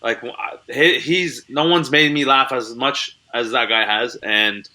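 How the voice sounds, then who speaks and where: A young man talks casually as a comedian guest on a video call. His voice is very bright and ringing, and his talk is relaxed and full of slang. His pitch sits in the middle for a man. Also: measured pace, poor audio. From Canada. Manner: laid-back, laughing, slangy. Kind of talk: casual interview chat.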